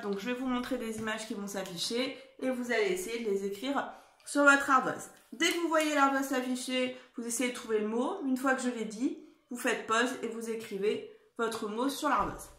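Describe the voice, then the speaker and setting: Speaking at a moderate pace, this primary school teacher has a slightly high, bright voice with a forceful edge, and the room at home is reverberant. She teaches young children spelling with patience and encouragement, frequently checking in.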